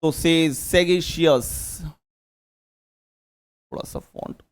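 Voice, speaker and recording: A man's voice: on the high side, very slow, clear, resonant tone. A man teaching an exam-prep vocabulary lesson, chatty and joking, repeating key words as memory tricks.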